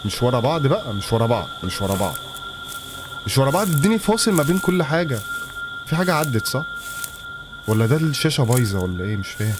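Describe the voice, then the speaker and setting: Against music, a man with an Egyptian Arabic accent plays a horror game for his channel, talking fast in a sing-song, medium-pitched voice broken by long pauses. He's jumpy and mutters nervously to himself.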